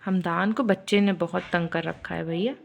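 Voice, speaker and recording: A woman filming a family vlog at home, gently telling her small child what to do. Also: lowish voice, fairly even intonation, moderate pace, creaky. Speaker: family vlogger and mother. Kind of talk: casual home vlog talk. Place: home indoors.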